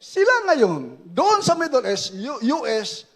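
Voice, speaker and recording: A man with a Filipino accent preaching a testimony sermon, moving from quiet prayerful retelling to shouted praise. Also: very high-pitched, wildly swooping pitch, slow. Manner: swings from hushed prayerful retelling to shouted exclamations. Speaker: preacher giving a soldier's testimony.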